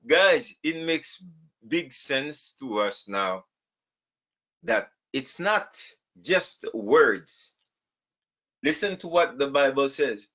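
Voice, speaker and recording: Animated man teaching a Bible class. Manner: lively, animated, laughs often, rises to emphatic high bursts. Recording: dull lo-fi recording.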